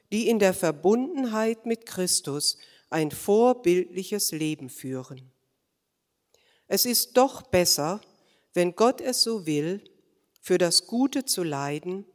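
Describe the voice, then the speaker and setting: A woman reading scripture and leading a short prayer, measured and solemn. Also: fairly low pitch. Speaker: scripture reader. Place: church. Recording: long church-hall reverb.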